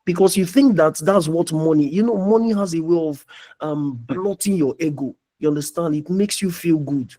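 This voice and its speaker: A man's voice: fairly high pitch, moderate pace, warm tone. A young man giving a preachy motivational talk as a mentor in a live online meeting, often asking "you understand?".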